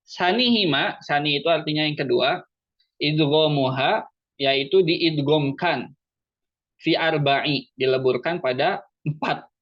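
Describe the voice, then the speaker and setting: A man teaching Quran recitation in an online lesson, explaining patiently, repeating himself and slowly chanting Arabic examples. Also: a little high, lo-fi sound.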